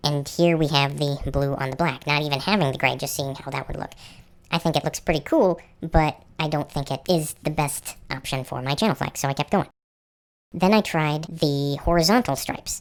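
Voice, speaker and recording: A man presenting a casual, explanatory slideshow narration, his voice electronically pitched up like a helium chipmunk. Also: smooth. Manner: conversational, explanatory. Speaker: channel host presenter.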